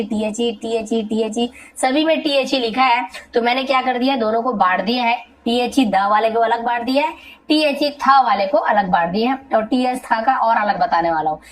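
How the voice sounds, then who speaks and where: A woman teaching English pronunciation in a classroom-style lesson, slowly repeating sounds and spellings. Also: fairly high pitch, low-quality recording. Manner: slow, repetitive drilling of sounds and spellings.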